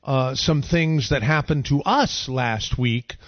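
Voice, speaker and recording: A man hosting a radio interview, talking haltingly with many fillers. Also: medium pitch, dry recording, muffled recording. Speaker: radio host.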